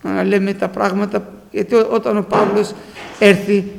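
High-pitched gravelly preacher. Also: male voice, little pitch movement. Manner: storytelling with quoted exchanges, swinging from hushed to loud. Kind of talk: sermon.

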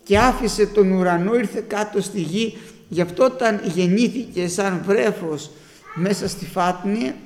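Greek-language sermon, guy with a high voice, long reverb like a church hall, preaches and shouts now and then. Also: a little hiss or hum. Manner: storytelling, rising to shouts for emphasis.

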